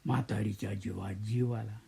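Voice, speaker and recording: An older man narrating a children's folk story in a slow, expressive storytelling manner. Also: lowish voice, creaky, breathy edge.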